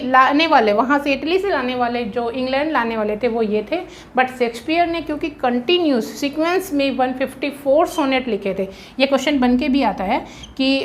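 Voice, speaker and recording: High-voiced Indian woman teaching exam prep. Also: slight background noise. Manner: explanatory, drills rhyme schemes slowly letter by letter; often checks with "ठीक है".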